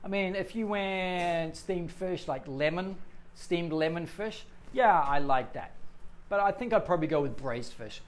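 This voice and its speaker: A man's voice: a little high, unhurried. A middle-aged man teaching English on a live stream, chatting playfully with viewers and joking as he explains.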